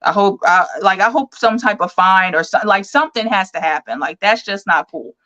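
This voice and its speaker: A woman's voice: medium pitch, normal speed. A woman co-hosting a podcast, chatting casually and telling stories with lots of fillers. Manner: animated storytelling with lots of fillers. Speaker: podcast co-host. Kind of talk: casual livestream chat.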